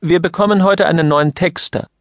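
A man voicing a fussy male office manager in an audiobook, giving brisk instructions. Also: fairly high pitch, no echo, voice pushed up, lightly acted. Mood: businesslike.

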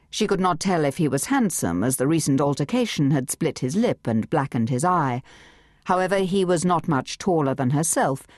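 A woman narrating an audiobook in a measured, expressive storytelling manner, close to a studio mic. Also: low voice, no echo. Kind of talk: scripted narration.

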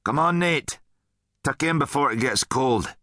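A man's voice: mid-range voice, animated, unhurried, sharp tone, no echo, clean studio sound, voice pushed up. A man voicing a bold, scrappy young male miner who stands up to bullies, cocky and snarling.

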